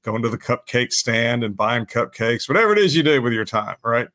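A man's voice: mid-range voice, lively intonation, brisk, pushed and bright, dry recording. A man co-hosting a casual talk stream, rambling with lots of fillers and profanity. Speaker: co-host. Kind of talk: casual chat.

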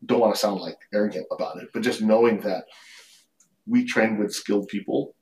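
A man's voice: fairly low pitch, fairly even intonation, brisk, darkish tone. A man, a coach and podcast guest, telling a self-assured story in casual chat. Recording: distant mic with faint noise.

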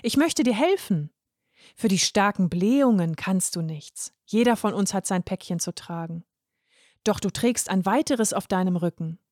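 A woman reading a storybook, voicing a calm, elegant woman who speaks slowly and reassuringly. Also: mid-range voice, dry recording, clean studio sound, lightly acted.

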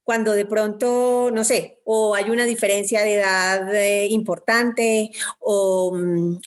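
A woman hosts a casual interview at a middle pitch. She asks long, searching questions, pausing and restarting often as she frames them. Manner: hesitant, many fillers and restarts. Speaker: host.

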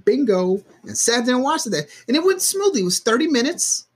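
Extremely high-pitched and slightly rough, this man's voice moves fairly quickly. He's a podcast co-host and an animated storyteller, cursing freely and performing quotes during a casual chat.

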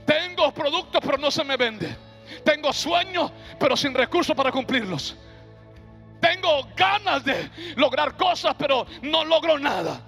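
A man delivers a fiery sermon in a strikingly high, bright voice. He swings into shouts and call-and-response exhortations to the congregation, with faint music playing underneath. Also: expressive, unhurried, vocal fry. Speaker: preacher.

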